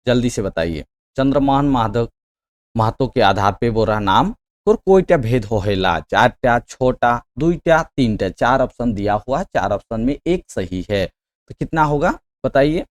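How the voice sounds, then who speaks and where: A man teaching an exam-prep lesson, reading each question slowly and loudly, then pressing students to answer quickly. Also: medium pitch, expressive. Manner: frequent "theek hai" checks. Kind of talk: quiz-style lesson.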